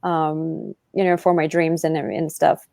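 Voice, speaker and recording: A woman from Russia, a guest on an interview show, talking lively and giggly with lots of "like"s. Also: deep voice, unhurried, gravelly, no room sound, studio quality. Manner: lively, giggly, loose phrasing with many "like"s. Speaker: actress guest. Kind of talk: casual interview chat.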